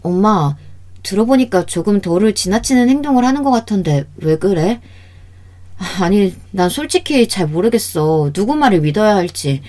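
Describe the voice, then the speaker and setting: A worried grown daughter, as a woman narrator plays her, coaxing and earnest. She asks gentle questions in a middle-pitched voice in a story read for radio. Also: expressive, moderate pace, close to an everyday voice.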